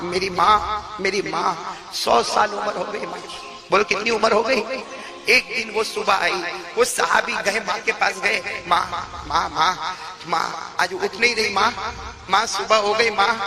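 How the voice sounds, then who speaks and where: Give me a high-pitched male preacher telling a story to his congregation, with music in the background. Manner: storytelling, calls on the audience to answer. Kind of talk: sermon.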